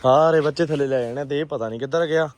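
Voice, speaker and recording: High-pitched man vlogging casually. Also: fast. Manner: animated, repeats short phrases. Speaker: pigeon keeper and vlogger. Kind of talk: casual outdoor vlog commentary.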